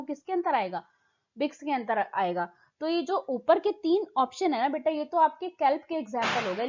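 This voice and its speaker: A woman teaching exam prep, affectionately addressing students and repeating each point, reading English questions out slowly. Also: high voice, lo-fi sound. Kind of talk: explaining lesson in Hindi mixed with English.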